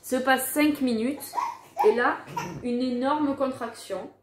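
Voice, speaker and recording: A woman telling a personal story in a casual, animated way, acting out the dialogue she recounts. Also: high-pitched, slow pace, very noisy. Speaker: mother telling her birth story. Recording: roomy echo.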